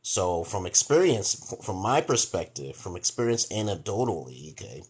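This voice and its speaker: Low-voiced New York man rambling on a livestream. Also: big pitch swings, moderate pace, breathy edge. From Brooklyn, New York, USA. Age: 40s. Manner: rambling, repeats "okay?" often. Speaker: livestream host giving relationship advice. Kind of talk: casual livestream monologue.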